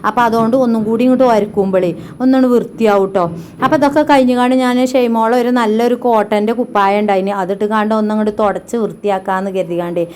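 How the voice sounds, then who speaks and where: A woman's voice: mid-range voice, steady tone, fast, a little mellow, a little hiss or hum. A woman, chatting to her viewers in a casual family vlog as she narrates her housework. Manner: chatty, talks straight to viewers. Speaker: family vlogger.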